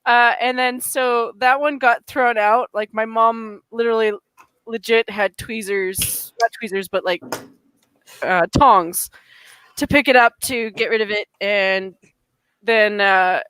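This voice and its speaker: A woman's voice: fairly high pitch, steady tone, takes it slowly, fairly bright tone, clean tone, dry recording, poor audio. A young Canadian woman from Alberta with a stuffy nose, hosting a casual chat, rambling with fillers and giggles. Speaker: podcast host.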